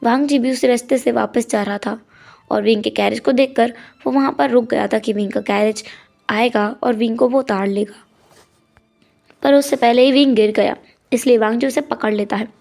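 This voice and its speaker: Gravelly woman retelling a story casually. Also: fairly high pitch, fairly even intonation, moderate pace, a little mellow. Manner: chatty, mixes in English words.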